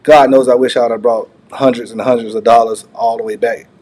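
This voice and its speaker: Speaking a little fast in a flat, darkish mid-range voice, a man gives off-the-cuff commentary on his own channel as he reacts to a recorded call. He rambles in a conversational way, circling back over his phrases.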